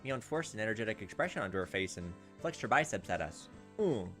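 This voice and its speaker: A man with a lowish, sing-song voice reads through a visual novel quickly, adding casual asides and responding to the story in a laid-back let's play. His tone is a bit bright, and faint music plays behind him.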